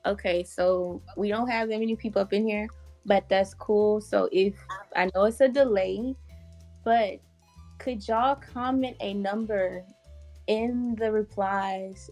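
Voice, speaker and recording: A woman's voice: medium pitch, a little mellow. A woman hosting a casual interview, chatty and laid-back. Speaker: podcast host.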